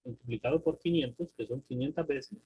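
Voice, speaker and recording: A man with a Honduran Spanish accent teaches a recorded math and physics lesson, thinking aloud through a problem and posing check questions to students. His mid-range voice is fairly quick, dark and slightly rough, and the audio is poor.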